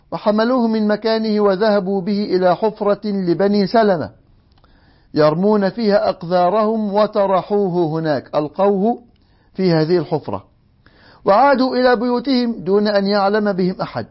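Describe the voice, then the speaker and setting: High-voiced Egyptian sheikh reading a story. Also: male voice. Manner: reads a text aloud and breaks off to explain it in colloquial speech. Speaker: sheikh teaching a religious lesson. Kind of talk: religious lesson, reading a story aloud with commentary. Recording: dull lo-fi recording.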